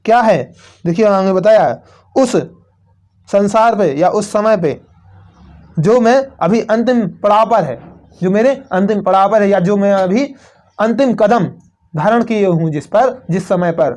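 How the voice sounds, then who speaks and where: A male teacher with a North Indian Hindi accent goes through a poem line by line. His voice sits high and he speaks at a slow, deliberate pace. He poses questions and answers them himself, repeating each point. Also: darkish tone. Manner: repetitive, asks and answers own questions.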